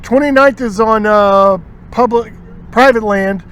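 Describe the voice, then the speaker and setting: A man's voice: sits high, unhurried, slight background noise. A man hosting an outdoors show, telling rambling hunting stories and acting out what people said, recorded outdoors at a marina. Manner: rambling, animated storyteller acting out quotes. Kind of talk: casual storytelling chat.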